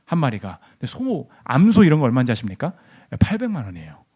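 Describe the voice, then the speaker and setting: Lively Korean pastor preaching. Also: male voice, mid-range voice, fast, breathy edge. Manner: animated storytelling with acted-out quotes. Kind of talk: sermon. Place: church.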